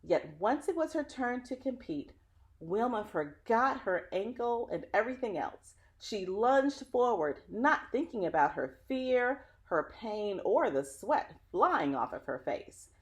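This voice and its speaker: A storyteller with a slightly high, sing-song voice reads a picture book aloud at a measured pace, dramatically and expressively. She engages her listeners with chatty asides addressed straight to them.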